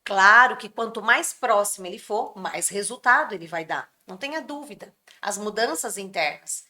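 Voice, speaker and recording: Her mid-range voice is animated, bright, and forceful, moving at normal speed. A Brazilian Portuguese native speaker, she joins a podcast as a guest to earnestly explain workplace mental health, now and then acting out others' words.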